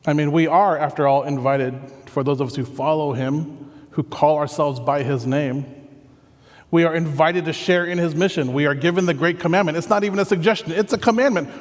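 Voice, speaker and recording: A man pastor giving a conversational, earnest sermon that often drops into soft, reflective tones. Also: on the high side, fairly quick, big-room sound.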